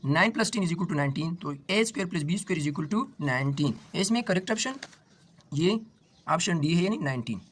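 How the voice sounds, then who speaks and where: A man with a Pakistani Urdu accent, a maths teacher working through an exam paper, reading each question slowly and then explaining it quickly. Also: a little high, lively intonation, a little hiss or hum. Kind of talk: exam paper walkthrough lesson.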